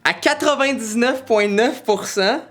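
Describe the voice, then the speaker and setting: A young man, chatting casually as a vlog co-host in a joking, animated way. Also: extremely high pitch, measured pace, faint music behind. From Lebanese descent. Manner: joking, animated, laughs often. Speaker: vlogger co-host. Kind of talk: casual chat.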